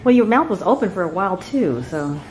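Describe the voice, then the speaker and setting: A woman's voice: medium pitch, very animated, fairly quick, darkish tone, slight background noise, rough recording. A middle-aged woman chatting casually at home, as a mother helping out. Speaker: vlogger's mother helping him. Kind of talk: casual chat. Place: at home, indoors, near a handheld camera.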